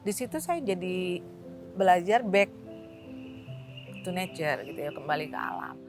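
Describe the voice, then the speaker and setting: Volunteer, woman, 50s, from Indonesia, lowish voice, casual and chatty, music bed underneath. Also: lively intonation, a little slow. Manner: chatty, with soft laughs. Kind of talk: casual interview.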